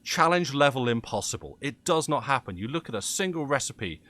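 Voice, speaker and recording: A man with a Cockney accent talks over a live game stream at an everyday, mid-range pitch. He rants with passion about what annoys him, tripping over his words and starting his sentences again. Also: sing-song, fairly quick, sharp tone. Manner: impassioned ranting, frequent restarts. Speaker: gaming streamer. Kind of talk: casual live-stream chat.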